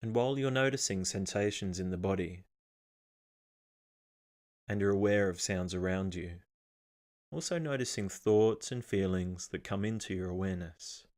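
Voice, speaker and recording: The speaker is a man guiding a meditation with a fairly low voice. Calm and measured, he walks listeners through gentle steps and lets pauses settle between phrases.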